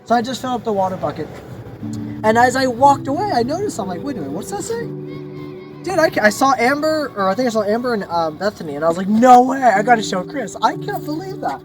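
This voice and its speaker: A man chatting casually in a vlog, excited and choked up, stammering and repeating himself. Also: very high-pitched, fast, over music. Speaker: vlogger.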